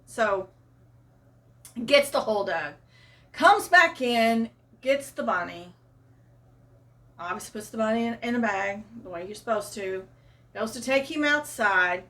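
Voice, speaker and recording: A woman's voice: fairly high pitch, animated, measured pace, pauses often, a bit bright, a little hiss or hum. A woman from Arkansas with a Southern accent, chattily retelling a personal story for her channel. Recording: voice a bit far from mic.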